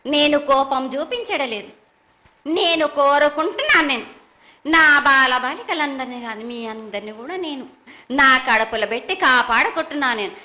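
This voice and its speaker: A woman's voice: sits high, animated, moderate pace. A woman speaking as a mother goddess in a prophetic trance at a festival ritual, chanting insistent, repeated phrases in reproach and demand. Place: live temple festival ritual. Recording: dull lo-fi live broadcast sound.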